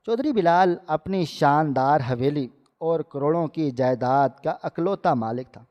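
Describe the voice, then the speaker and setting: A man reading a dramatic first-person story in a steady storytelling manner. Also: a little high. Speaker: narrator. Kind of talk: scripted story narration. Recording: long hall reverb.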